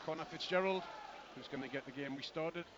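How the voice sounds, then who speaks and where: A man giving live play-by-play radio commentary on a rugby match, with rapid running calls and chatty asides to his co-commentator. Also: on the high side. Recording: lo-fi broadcast with outdoor crowd noise.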